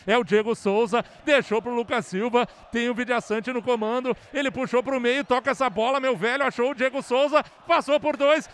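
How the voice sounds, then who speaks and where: A man giving explosive football goal commentary, excitedly shouting and stretching out key words. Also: extremely high pitch, clean tone.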